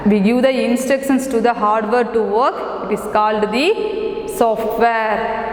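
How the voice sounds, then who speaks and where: A woman with a South Indian Tamil accent teaching young children, drilling key words repetitively and spelling them out. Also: on the high side. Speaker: primary school computer teacher. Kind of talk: children's classroom lesson. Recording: echoey reverberant room with background noise.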